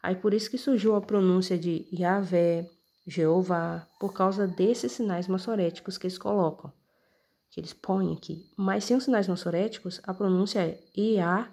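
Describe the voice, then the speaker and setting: Woman scripture teacher, lowish husky voice, mellow tone, chatty explainer who keeps checking in. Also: moderate pace. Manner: conversational, checks in often with "tá?" and "entendeu?"; points at text while reading. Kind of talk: casual explanatory talk.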